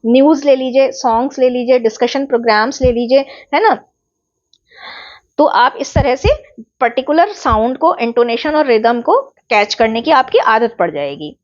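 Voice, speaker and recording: High-voiced woman teacher, slightly muffled recording. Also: lively intonation. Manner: explains step by step, mixing in English terms; drags out example words slowly to show stress. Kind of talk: recorded exam-prep lecture.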